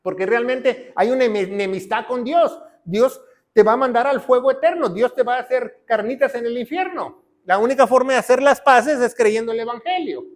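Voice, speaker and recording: A man preaches emphatically in a strikingly high voice. He swings between loud declarations and quiet, low lines. He keeps checking in with his listeners through short tag questions. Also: normal speed. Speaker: pastor. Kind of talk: sermon.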